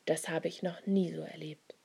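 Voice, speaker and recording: Magdalena is a patient grown woman who calmly explains things in a children's storybook, as a woman reads her. The voice is breathy and husky with a dark, mellow tone. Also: low voice, normal speed, heavily acted. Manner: calm, explaining.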